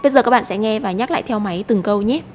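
A woman's voice: mid-range voice, very fast, a little mellow, big-room sound, a little hiss or hum. A Vietnamese woman teaching an English lesson to children, explaining patiently and step by step.

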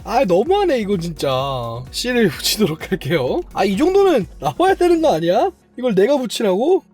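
Kit builder narrating a build, swooping pitch, self-praising, muttering to themself, faint music underneath. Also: big pitch swings, normal speed, a little mellow. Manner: chatty, talks to self while building; playfully boastful, self-praising. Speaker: model kit reviewer. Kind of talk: hands-on build commentary.

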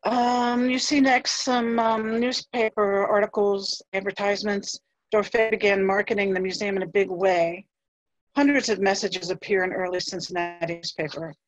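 Reading notes aloud, this woman curator gives a scripted museum history presentation in a measured manner, with a handful of fillers. Her medium-pitched voice holds a steady tone. The recording is dry and of low quality.

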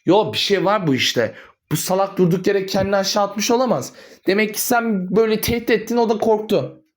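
A voice actor playing a quarrelsome middle-aged mother who scolds and curses in an animated drama. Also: mid-range voice, lightly acted. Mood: accusing. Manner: scolding, cursing, quick to rage.

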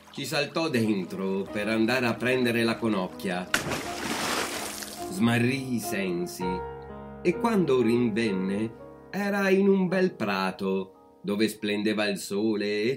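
A man reading a fairy tale aloud as a storyteller, calm and measured. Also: on the low side, soft background music.

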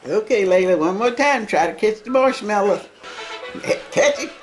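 A woman casually and excitedly coaching children through a home game, repeating her instructions with a giggly delivery. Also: mid-range voice, normal speed. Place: living room at home. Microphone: camera mic, behind the camera. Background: loud music.

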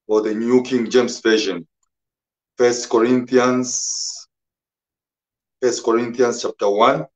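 A man preaching a sermon as a pastor, speaking slowly and emphatically and repeating his scripture references. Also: medium pitch, low-quality recording.

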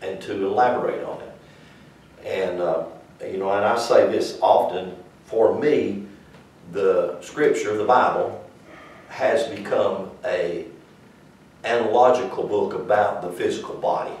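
This older man's voice is on the low side, a little slow and a little mellow, with a Southern US accent. He leads a church class in a small indoor classroom, rambling in a folksy, conversational manner, recorded by a far camera in an echoey room.

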